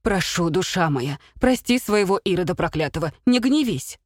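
A woman's voice: on the low side, lively intonation, normal speed, no room sound, clean studio sound, lightly acted. A woman reading a blustering middle-aged father, a former soldier, who blurts and pleads with his wife. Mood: pleading.

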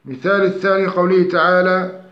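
A man teaching the rules of Quran recitation in a structured, methodical way, reciting example verses slowly. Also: high-pitched, level tone. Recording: echoey room, dull lo-fi sound.

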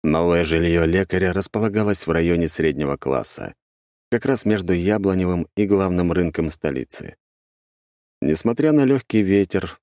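A man narrating an audiobook in the first person, measured and even. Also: low voice, no room sound, studio quality.

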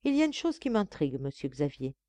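A woman's voice: sits low, sing-song, fast, dark tone, no echo, voice pushed down. A woman voicing a coy, teasing young chambermaid who pleads lightly and feigns shock.

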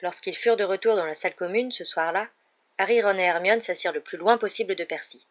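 A woman reads a storybook aloud in an even, measured voice of middling pitch. The recording has a dull, lo-fi sound. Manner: measured, steady reading. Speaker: reader. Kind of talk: audiobook narration.

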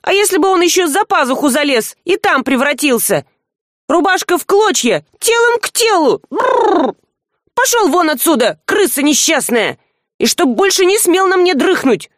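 A woman reading an audiobook voices a jumpy, easily flustered young woman in a shrill, indignant tone. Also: very animated, moderate pace, no echo, studio quality.

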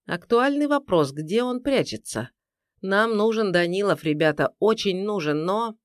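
A narrator playing a composed senior male investigator who talks in a measured, authoritative way. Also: high voice, animated, clear, resonant tone, no room sound, studio quality. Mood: level.

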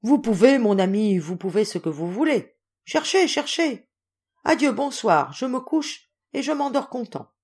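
A woman's voice: on the low side, expressive, moderate pace, a little mellow. A woman voicing a boisterous, generous old male Russian general who speaks in commanding exclamations. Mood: brisk.

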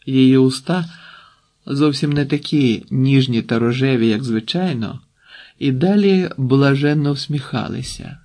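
A man reading a literary audiobook in a calm, measured narrating voice. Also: mid-range voice.

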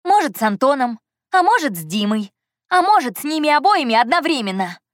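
A woman reading an audiobook and voicing a flustered, sharp-tongued young woman who talks high, loud and heated. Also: sing-song, brisk, dry recording, clean studio sound. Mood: shouting.

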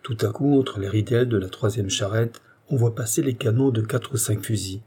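A man narrating a historical novel as an audiobook, with steady, dramatic storytelling. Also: on the low side, brisk, husky. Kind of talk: scripted narration.

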